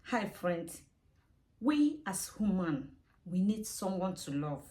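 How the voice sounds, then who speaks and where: A woman talking to camera in a casual vlog, giving relationship advice in an earnest, repetitive, gently persuasive way. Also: fairly low pitch, big pitch swings, takes it slowly, poor audio. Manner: looks away from camera while talking.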